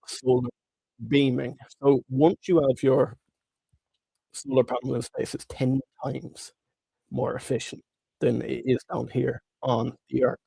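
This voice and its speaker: A man hosts a casual market livestream with a thick, congested voice, as if through swollen tonsils and a head cold. There is a gravelly creak in it. He talks informally and directly to viewers, and the sound is dry and close. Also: mid-range voice, mellow, no echo, low-quality recording. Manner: informal, chatty, addressing viewers. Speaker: livestream host. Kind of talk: casual live stock market commentary.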